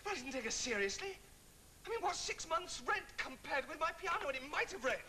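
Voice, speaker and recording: An actor playing a young, dreamy, excitable composer, speaking softly at times and frantically at others. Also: male voice, mid-range voice, fast, natural voice. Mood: distraught. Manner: soft and hushed, then frantic and shouting. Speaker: lead in a televised operetta. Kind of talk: 1970s TV studio drama acting. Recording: noisy old TV studio recording.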